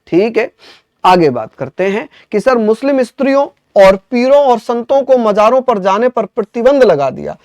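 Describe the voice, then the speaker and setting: A male history teacher, drilling his students by repeating each question and answer. His voice sits high and rings clear, close to a dry mic. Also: dry recording. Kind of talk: online exam-prep lecture.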